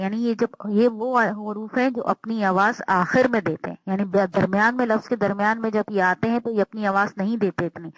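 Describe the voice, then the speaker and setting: A woman teacher giving a slow, patient language lesson, sounding out words and repeating them. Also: medium pitch, no room sound, poor audio.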